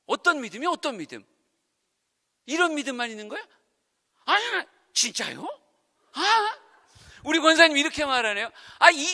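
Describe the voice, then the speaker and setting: A middle-aged male pastor giving a lively revival sermon, acting out quotes and talking straight to the congregation. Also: extremely high pitch. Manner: animated, acts out quotes, chats with the congregation. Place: church sanctuary. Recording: long church hall reverb.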